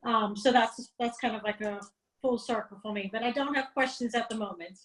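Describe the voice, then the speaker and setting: Brisk woman from the Netherlands. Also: fairly high pitch, low-quality recording. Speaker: participant, intercultural coach. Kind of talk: self-introduction on a video call. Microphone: video call.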